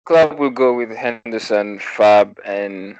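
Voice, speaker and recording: A man's voice: fairly low pitch, takes it slowly, a little mellow, no room sound. Man on a glitchy, breaking-up call line. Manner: laid-back, hesitant, says "man" often. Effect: glitchy call audio that breaks up. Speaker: podcast panelist. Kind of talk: casual football chat. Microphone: remote call. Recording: dull, dry remote call line.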